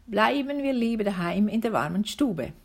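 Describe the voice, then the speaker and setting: A woman voicing a male raven in a storybook, indignant and shy of the cold, with a husky voice. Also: medium pitch, lively intonation, normal speed, voice pushed up.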